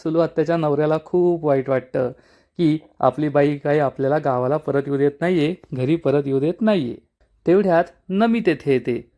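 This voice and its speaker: A man narrating a TV serial recap in a brisk, matter-of-fact storytelling manner. His voice sits a little higher than most men's. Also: warm tone.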